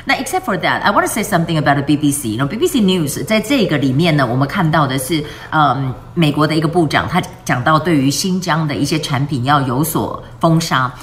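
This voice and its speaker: A woman's voice: low-pitched, lively intonation, a little fast, few pauses, a little hiss or hum. A woman teaching English words from the news, spelling them out and asking questions she answers herself, often switching between Mandarin and English mid-sentence. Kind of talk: news-based vocabulary lesson.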